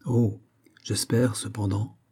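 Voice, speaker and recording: A man playing an anxious, deferential physician who speaks in a hushed, hesitant way, with a husky voice. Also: lowish voice, moderate pace.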